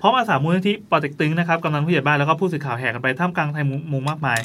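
A man's voice: on the high side, a bit bright, a little hiss or hum. A man co-hosting a casual podcast, reading odd news stories aloud with playful, dramatic emphasis. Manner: quick, playful, reads headlines with exaggerated drama. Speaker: podcast co-host.

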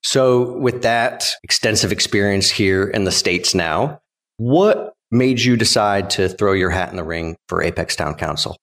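A man's voice: fairly low pitch, a little slow, fairly bright tone, in a large hall. A man hosting a local podcast, introducing the guest and asking questions in a friendly, scripted way. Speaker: podcast host. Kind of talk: podcast interviewing.

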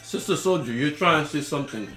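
A woman's voice: low voice, lively intonation, quick pace, fairly bright tone, faint music behind. A woman from Haiti, co-hosting a podcast in casual chat and teasing her friends playfully. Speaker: podcast co-host. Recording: echoey room.

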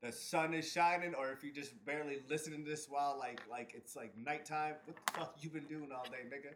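A man's voice: a little high, steady tone, a little fast, a bit bright, slight background noise. A man in his twenties hosting a casual, profane podcast chat, rambling with constant "like" fillers. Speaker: podcast host. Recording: echoey room, distant mic.

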